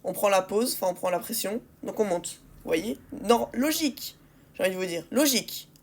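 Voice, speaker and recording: A woman's voice: medium pitch, expressive, normal speed. A woman giving casual gameplay commentary, exasperated with her teammates and repeating phrases and rhetorical questions for emphasis. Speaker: gaming video creator commentating on match replays.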